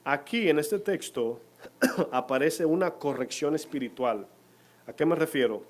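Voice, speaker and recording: A man's voice: fairly high pitch, animated, a little slow. A man preaching a sermon in church, putting questions to the congregation as he goes. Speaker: pastor.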